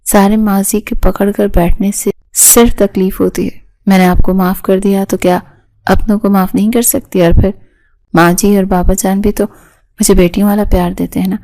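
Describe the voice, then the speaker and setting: Woman reader as a forgiving young wife, soft and mellow. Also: mid-range voice, level tone, lightly acted, low-quality recording. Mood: tender.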